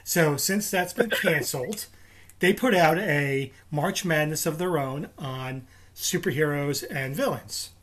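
A man's voice: fairly high pitch, slow pace, fairly bright tone, a little hiss or hum. A man with a New Jersey accent co-hosting a casual podcast, leading the segment and laughing often. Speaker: podcast co-host.

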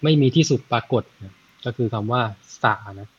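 A man retelling a Buddhist story in a casual, chatty way, often adding soft tag words and working out sums aloud. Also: mid-range voice, moderate pace, breathy edge, no echo, muffled recording. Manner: chatty, frequent "na" tags, thinks aloud with math.

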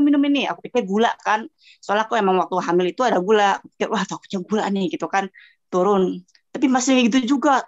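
A woman guest telling her own story in casual chat, acting out what she cried and heard along the way. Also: medium pitch. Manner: animated, acts out her own cries and sounds. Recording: dull lo-fi voice message.

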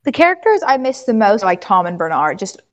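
A woman's voice: medium pitch, sing-song, fast, muffled recording. A young woman in casual fan chat, talking freely and laughing often. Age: young adult. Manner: chatty, laughs often, acts out quotes. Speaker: podcast co-host. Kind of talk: casual chat among fans.

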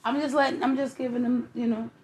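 A woman's voice: sits high, fairly even intonation, fast talker, darkish tone, a little hiss or hum. A woman with a New York accent co-hosting a podcast, frank and profane, often cutting in with apologies. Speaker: podcast co-host. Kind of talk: casual chat.

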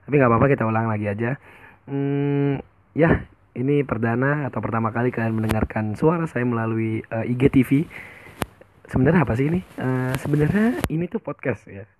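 A man's voice: medium pitch, brisk, a little hiss or hum, poor audio. A young man in his twenties talks through a first homemade podcast episode, casual and meandering. He stops and restarts often, sliding between slangy and polite speech. It is recorded on a phone with a headset mic in a room at his family's home. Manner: rambling, many fillers and restarts, mixes casual and polite speech. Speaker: podcast host. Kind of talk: casual solo podcast monologue.

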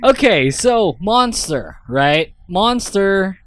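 A man's voice: high-pitched, big pitch swings, slow, a bit bright. A man hosting a podcast, rambling and swearing freely in casual chat. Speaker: podcast host.

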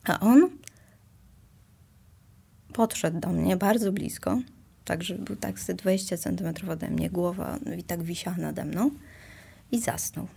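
A woman's voice: lowish voice, steady tone, a little slow, gravelly, long pauses, warm tone, breathy edge. A woman in casual conversation, talking reflectively and self-mockingly, with many hesitations and small laughs.

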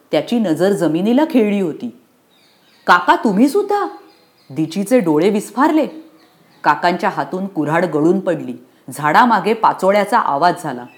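A woman narrating a storybook in an expressive, rhythmic reading. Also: fairly low pitch.

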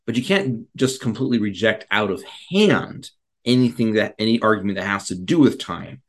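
Rambling man with a lowish voice. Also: lively intonation, normal speed. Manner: rambling, many fillers and restarts. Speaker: podcast co-host. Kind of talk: casual discussion.

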